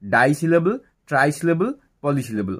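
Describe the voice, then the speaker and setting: A man explains English grammar like a classroom teacher, speaking at a fairly high pitch. He poses a question, then answers it. He breaks example words into slow, separate syllables. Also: expressive. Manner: repeats words slowly, syllable by syllable.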